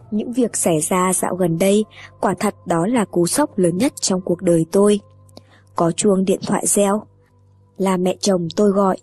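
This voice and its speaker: A woman's voice: mid-range voice, mellow, slightly rough. A woman reading a first-person horror story aloud in a tense, brooding way. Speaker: narrator. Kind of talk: scripted horror story narration.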